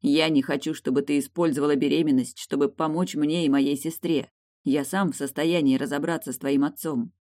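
A woman reading an audiobook voices a restrained, serious young man, measured and firm. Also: sits low, steady tone, dark tone, natural voice.

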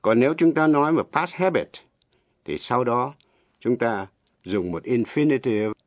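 A man teaching English pronunciation on the radio, slow and deliberate, spelling words out letter by letter. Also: medium pitch, expressive, no room sound. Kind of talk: slow radio language lesson. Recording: dull, lo-fi radio broadcast.

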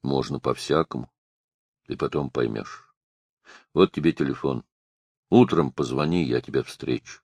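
A strange, quietly stubborn teenage boy, voiced by a male audiobook reader. He speaks in a low, deep, matter-of-fact tone, and the sound is dry and close-miked. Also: a little slow, long pauses, husky, no echo, heavily acted. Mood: calm.

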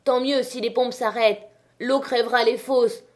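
A woman's voice: fairly high pitch, fairly even intonation, normal speed, pitched above the performer's own voice, lightly acted. A woman voicing a jealous, defiant male miner who speaks with taunting bravado in an audiobook reading.

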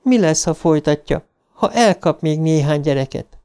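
A man's voice: on the high side, lively intonation, mellow, clear, resonant tone, voice pushed up, natural voice. A man reading an audiobook, voicing a tearful but firm young girl who pleads earnestly. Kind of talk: audiobook character voice.

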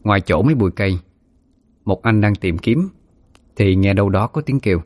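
A man's voice: fairly low pitch, animated, brisk, darkish tone, no echo. A man narrating a ghost story vividly.

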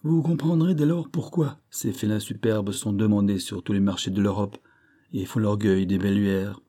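A man reading a storybook aloud takes on the role of a pompous middle-aged animal dealer, who speaks in grand, declamatory sentences and relishes unusual words. His very deep, mellow voice is raised slightly above his narrating register and moves with lively intonation. The grandiloquent character is performed at normal speed with a light touch of acting.

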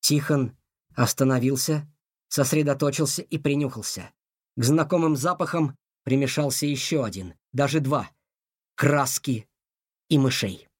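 A man narrating a children's adventure story in an expressive, dramatic reading. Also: mid-range voice, moderate pace, husky, no room sound, clean studio sound.

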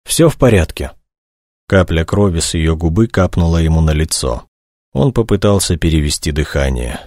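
Low-voiced male audiobook narrator. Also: moderate pace, darkish tone, dry recording, studio quality.

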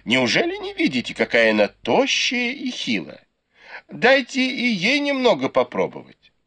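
A fond old noble matriarch with a high, lively, husky voice, as a male reader puts her on. She sounds indulgent and teasing, with a swooping pitch. The recording is dry and close. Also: moderate pace, no room sound, full character voice. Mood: amused, teasing.

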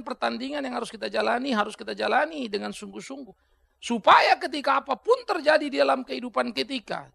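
A male pastor preaching a topical sermon in a colloquial, animated way, breaking into sudden emphatic shouts. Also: extremely high pitch, vocal fry, slightly rough, dry recording.

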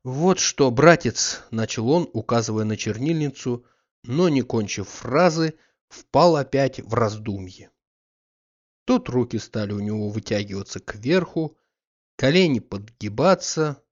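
Brief: мужчина-чтец аудиокниги, размеренно и очень неспешно, голос средней высоты, звук глуховатый. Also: male voice, medium pitch. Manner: measured, even reading. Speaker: audiobook narrator. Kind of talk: scripted literary narration. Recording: slightly muffled audiobook recording.

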